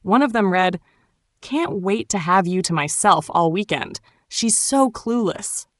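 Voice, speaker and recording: A woman narrating a dramatic first-person storytime tale in a cool, wry, sharp-tongued way. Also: lowish voice, expressive, unhurried, no room sound.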